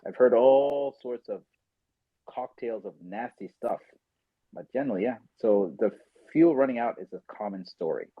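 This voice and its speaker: A man hosting a podcast in casual chat, animated and blunt, swearing and talking over others. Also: mid-range voice, moderate pace, husky, no room sound. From South Sudan. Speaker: podcast host. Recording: muffled lo-fi call audio.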